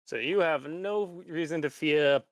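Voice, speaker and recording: Man playing a measured undead lich professor, dry close sound. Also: a little high, dry recording, close to an everyday voice. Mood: instructive, reassuring. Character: lich professor in a metal mask, calm, instructive.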